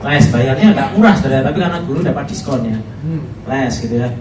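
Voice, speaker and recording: A man's voice: medium pitch, fast, noisy background. A middle-aged man with a Javanese accent, preaching a chatty, humorous sermon as a pastor. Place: church hall. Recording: echoey hall, voice from far off.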